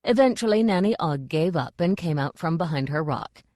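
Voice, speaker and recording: A woman reading a novel aloud as narrator, in a steady, measured way. Her voice is low and the recording is close and dry. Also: no echo. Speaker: audiobook narrator. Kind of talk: scripted narration.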